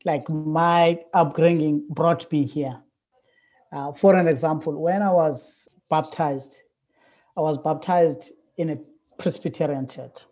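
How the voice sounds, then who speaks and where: A man's voice: on the high side, steady tone, slow pace, a little mellow. A South African man in his forties, a curate answering interview questions in a thoughtful, hesitant way with many fillers. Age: 40s. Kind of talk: casual interview.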